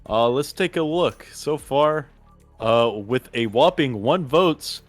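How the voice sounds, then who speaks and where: A mid-pitched man co-casting an online game tournament, making dry jokes and calling the action as it happens. Faint game music sits behind his voice. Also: expressive, slow, dry recording. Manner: dry joking, play-by-play calls. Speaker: co-caster. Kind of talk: casual esports commentary.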